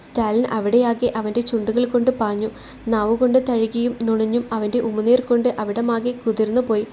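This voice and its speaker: Female storyteller for a romance story; mellow, flat, slightly high voice; faint background noise. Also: brisk. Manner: voices every character in her own voice. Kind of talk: scripted narration of a romance story.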